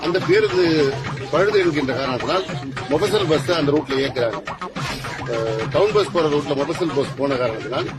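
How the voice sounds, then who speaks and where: Halting man over loud music. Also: on the high side, expressive. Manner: halting explanation with filler sounds. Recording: speech with loud music behind.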